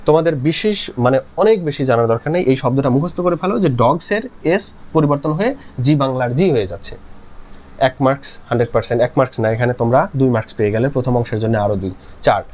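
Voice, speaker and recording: A man's voice: medium pitch, very fast, darkish tone. A man teaching linguistics in a lecture style, who models sounds by repeating words aloud and asks and answers his own questions. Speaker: linguistics tutor. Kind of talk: explanatory lecture.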